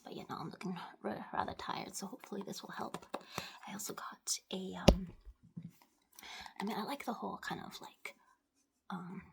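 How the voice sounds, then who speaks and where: A woman whispers quickly and softly in a casual, rambling ASMR chat, close to the microphone, trailing off and picking thoughts back up. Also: medium pitch, steady tone. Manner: fast whispering, breathy and soft-spoken. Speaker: ASMR video host.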